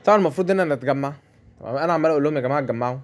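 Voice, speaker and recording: A man's voice: on the high side, rapid-fire. A man with an Egyptian Arabic accent giving chatty commentary over a mobile game match, often repeating his phrases. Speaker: gameplay commentator.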